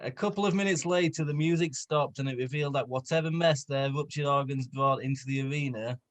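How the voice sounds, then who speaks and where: On a comedy stream, a male co-reader reads a story aloud with dramatic delivery for laughs, stumbling and correcting himself. His mid-range voice moves a little fast.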